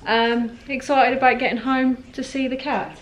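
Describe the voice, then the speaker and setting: A woman's voice: sits high, steady tone, moderate pace, poor audio. A young woman chatting through a casual travel vlog on a handheld phone, full of ums as she goes, in a hotel buffet and then an airport terminal. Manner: chatty, hesitant with frequent ums. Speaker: travel vlogger. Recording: clear background noise.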